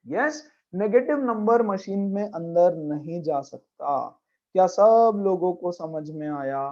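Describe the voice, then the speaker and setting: A man's voice: high-pitched, lively intonation, slow, darkish tone, muffled recording. A man teaching a maths class as a lecture, emphatic, repeating key points and checking in with his students. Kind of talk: classroom lecture mixing Hindi and English.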